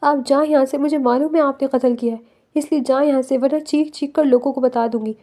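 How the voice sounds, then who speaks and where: A woman doing a tearful, pleading young woman from a storybook, high voice. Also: steady tone, fairly quick, dark tone, lightly acted. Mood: frightened. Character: young woman office worker, tearful and frightened.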